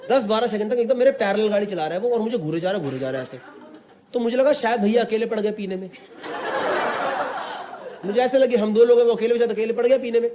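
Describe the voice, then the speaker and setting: A young man from Delhi NCR performing an animated stand-up set, chatting directly with a live audience. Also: sits high. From Delhi NCR, India. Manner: animated, chatty, keeps addressing the audience as brother. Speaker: stand-up comedian. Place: comedy stage before a live audience. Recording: echoey live venue, crowd noise.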